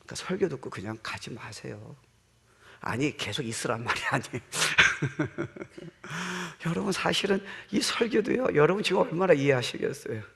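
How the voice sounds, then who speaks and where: A middle-aged male pastor preaching a sermon in a church, animated, slipping in English phrases and shouting amens. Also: a little high, moderate pace, vocal fry, husky, long reverb tail. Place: church sanctuary.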